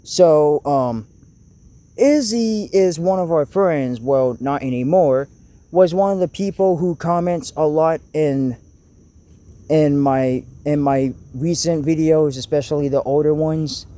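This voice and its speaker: A young man talks straight into his camera mic, ranting slowly as he stutters and restarts his sentences. His voice sits a little high but sounds mellow and soft-edged. It swings widely in pitch and loudness from line to line. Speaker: channel host. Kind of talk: casual vlog rant to camera.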